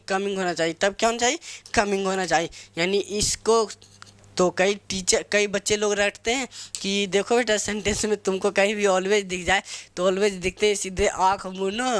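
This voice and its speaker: A man's voice: high voice, a bit bright, dry recording. Man, young adult, grammar teacher, spells words letter by letter, quizzes himself aloud, dry close mic. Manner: spells words letter by letter, asks and answers own questions. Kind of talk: Hindi-medium grammar lesson.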